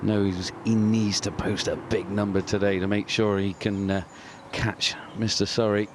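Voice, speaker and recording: A man's voice: lowish voice, flat delivery, measured pace, noisy background. A man working as a golf commentator, giving casual live commentary in chatty, colloquial phrases full of exclamations.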